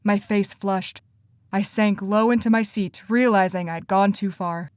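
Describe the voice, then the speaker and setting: A woman reading first-person audiobook narration in an even, measured way. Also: mid-range voice, dry recording.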